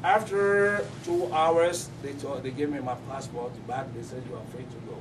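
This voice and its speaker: Halting man, distant mic. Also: medium pitch, fairly even intonation. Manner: halting, repeats words. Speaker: press conference speaker. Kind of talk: personal testimony at a press conference. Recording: distant mic with clear room noise.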